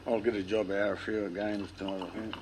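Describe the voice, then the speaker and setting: A man with an Australian accent and a lisp tells family history informally to listeners, nervous and halting, with a dry mouth. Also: lowish voice, flat delivery, a crowd in the background. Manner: nervous, halting delivery with long pauses. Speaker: speaker telling family history. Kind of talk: informal public speech, oral storytelling.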